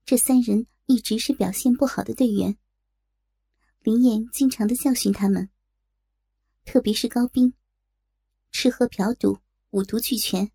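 A woman narrating an audio story in a steady reading voice. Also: a little high, vocal fry, husky. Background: faint background music.

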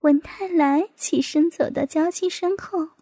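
A woman reading a martial arts novel aloud in a hushed, half-whispered narration. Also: high voice, unhurried, no room sound. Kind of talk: storybook narration.

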